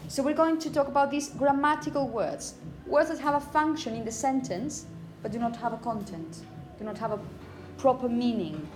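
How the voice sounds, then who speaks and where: Speaking in a high voice at normal speed with hardly any pauses, a woman explains phonetics to her students, stressing example words and often checking their understanding. It's recorded in an echoey indoor classroom with background noise.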